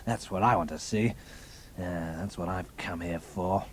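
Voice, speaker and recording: Boastful drunk traitor, wildly animated. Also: male voice, sits high, measured pace, full character voice. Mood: vengeful. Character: drunken, boastful, suspicious male wartime traitor. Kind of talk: audio drama acting.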